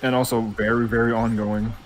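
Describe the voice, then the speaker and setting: A man's voice: mid-range voice, little pitch movement, brisk, soft background music, rough recording. A young man co-hosting a gaming video with casual chat over the gameplay.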